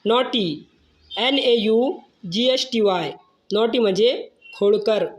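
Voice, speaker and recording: Teacher voice, very slow and deliberate, spells words out letter by letter, mid pitch. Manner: slow, measured, spells each word then gives its meaning.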